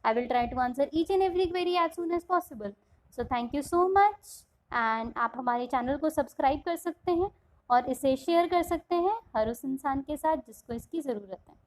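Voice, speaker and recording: A woman's voice: high-pitched, lively intonation, a little slow, poor audio. A young woman teaching a lecture class, switching between Hindi and English and explaining ideas through simple everyday examples.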